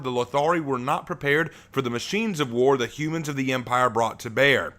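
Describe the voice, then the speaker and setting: On his stream, a deep-voiced author talks easily with viewers, then moves into reading the prologue of his own fantasy story. The delivery is relaxed, full of fillers and restarted phrases.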